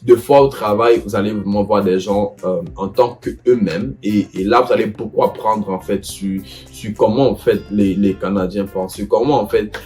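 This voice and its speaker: Brief: young man, lowish voice, halting advice vlog, faint guitar underneath. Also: a little mellow. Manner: hesitant, many fillers and restarts. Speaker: vlogger giving advice to students. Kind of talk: casual advice talk.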